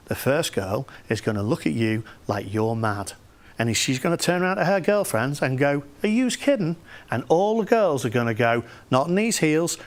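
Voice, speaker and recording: Man giving emphatic commentary. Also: mid-range voice. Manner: emphatic, storytelling with acted quotes. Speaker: vlogger. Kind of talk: direct-to-camera commentary.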